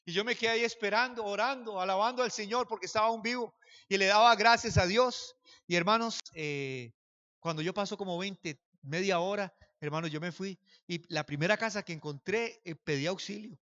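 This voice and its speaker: A man preaching a sermon as pastor, telling a personal story and swinging from hushed to loud. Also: high voice, fairly quick, highs cut off.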